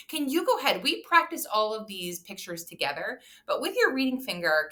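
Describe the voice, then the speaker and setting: Woman, kindergarten teacher voice, very lively pitch, bright tone, encouraging, question-and-answer lesson for little kids. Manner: kindergarten teacher voice, encouraging and exaggerated for small children; talks directly to the child listener, posing questions with pauses. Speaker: early reading teacher. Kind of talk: phonics lesson for young children.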